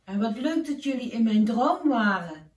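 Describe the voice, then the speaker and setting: A woman's voice: fairly high pitch, very animated, moderate pace, darkish tone, pitched above the performer's own voice. A woman voicing a sweet, hopeful little snowman boy in a storybook tale, in an eager, childlike way. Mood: cheerful. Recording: roomy, distant from the mic.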